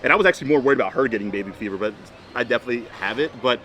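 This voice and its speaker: A man's voice: mid-range voice, expressive, very fast, pushed and bright, a little hiss or hum. A man in his twenties in casual couples chat, rambling and emphatic, often repeating himself to press his point. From Florida, United States. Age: 20s. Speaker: boyfriend in couples Q&A vlog.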